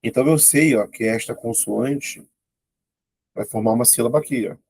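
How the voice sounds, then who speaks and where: A man's voice: medium pitch, moderate pace, a little mellow, husky. A man teaching an exam-prep grammar lesson, talking informally and thinking aloud as he works through questions. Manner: informal, thinks aloud, exclaims at tricky items. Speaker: Portuguese teacher.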